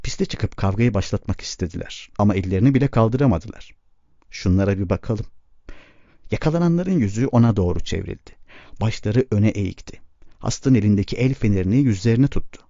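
A male audiobook narrator with a low, dark voice, reading evenly and unhurriedly. The sound is dry and close. The recording is dull and lo-fi. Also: animated, fast talker, gravelly, dry recording.

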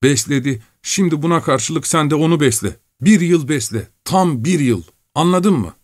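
In an audiobook, a spoiled, hot-tempered young man, as a male narrator puts him on flares up in a voice pitched well above the reader's own. He sounds petulant and raised, and the dry, close recording keeps every outburst crisp. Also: lively intonation, normal speed, dry recording. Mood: boastful. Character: volatile, spoiled young male traveling companion.

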